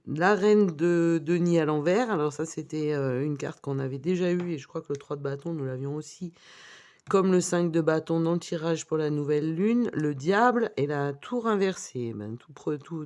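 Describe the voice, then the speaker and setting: A woman's voice: sits low, a little mellow. A woman giving a weekly tarot reading, reading out card meanings with wry asides. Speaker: tarot reader.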